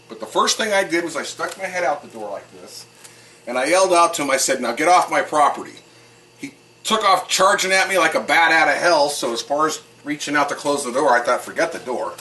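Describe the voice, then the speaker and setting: A man's voice: a little high, sharp tone, a little hiss or hum. A man telling a personal account to the camera inside his house, in a plain, earnest way with many fillers. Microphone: camera set up in the room.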